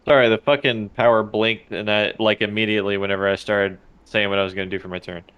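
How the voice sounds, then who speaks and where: A man's voice: on the low side, little pitch movement, fast, clean tone, lo-fi sound. A man playing a warrior in a tabletop game, joking crudely with friends. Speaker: player. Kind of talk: casual tabletop game chat.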